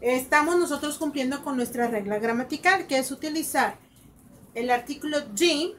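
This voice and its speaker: A woman with a high voice teaches a basic grammar lesson, reading example sentences slowly and then translating them. She pauses often with fillers and corrects herself mid-sentence. Faint noise hums behind her. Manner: frequent fillers and self-corrections. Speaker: English teacher.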